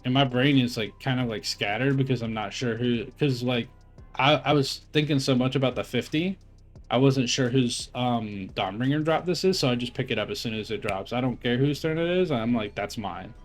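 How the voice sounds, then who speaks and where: A man's voice: medium pitch, moderate pace, soft background music. Rambling, cursing young male gamer. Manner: rambling, profane, heavy on filler words and self-corrections. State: phlegmy, clearing his throat while eating. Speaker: gamer reviewing his own raid footage. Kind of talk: casual gameplay commentary.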